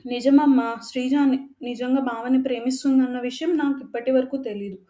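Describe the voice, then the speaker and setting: A woman's voice: high-pitched, steady tone, fairly quick, warm tone, natural voice. A woman voicing a frightened young woman who pleads earnestly. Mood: pleading.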